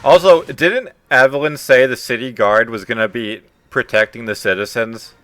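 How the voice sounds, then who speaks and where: A man's voice: medium pitch, fairly even intonation, normal speed, fairly bright tone, clean tone, dry recording, faint music behind. A man streaming a game, commenting casually and wryly on his play. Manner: wry, self-mocking.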